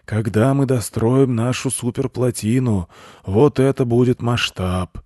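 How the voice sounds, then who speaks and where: A man voicing a very old grey male beaver, a pompous zealot who speaks slowly and solemnly. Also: medium pitch, dark tone, no echo, clean studio sound, voice pushed up, close to an everyday voice. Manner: slow, solemn and self-important.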